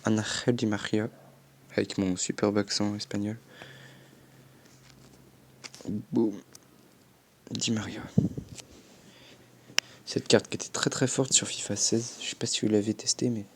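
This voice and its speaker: A man's voice: on the low side, steady tone, moderate pace, vocal fry, a little hiss or hum. A young man chatting casually as a gaming YouTuber, commenting on his game with offhand swearing and little sound effects.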